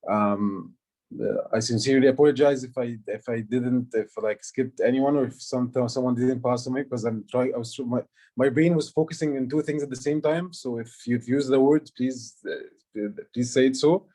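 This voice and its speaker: On a video call, a man from Egypt whose first language isn't English gives the online club meeting report in his role as aha counter and grammarian. His voice is medium-pitched and mellow, moving at a moderate pace, and he restarts often and leans on many fillers.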